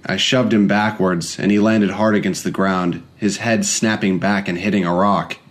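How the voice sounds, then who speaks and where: A man narrating a first-person story in a measured, reflective way. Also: low-pitched.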